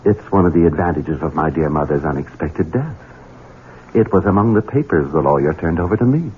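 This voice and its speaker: The voice sits low with lively intonation and a fairly quick pace: a man playing a menacing adult son, a cruel, plotting Southern heir, in 1970s radio drama. He taunts theatrically in a sly, insinuating mood, over hissy, tinny, band-limited sound.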